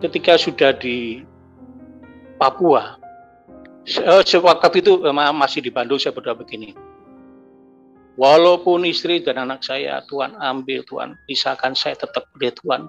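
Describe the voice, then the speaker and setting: A man giving an emotional personal testimony, impassioned, his voice climbing high in anguish. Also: moderate pace, gravelly, long pauses. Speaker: testimony speaker. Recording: dull lo-fi audio with faint music.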